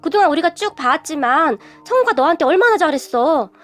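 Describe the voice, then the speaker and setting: Brief: earnest, persuasive young college friend, high voice, read by a female narrator. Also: lively intonation, brisk, fairly bright tone, faint music behind. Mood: pleading. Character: concerned young college friend, pleading gently.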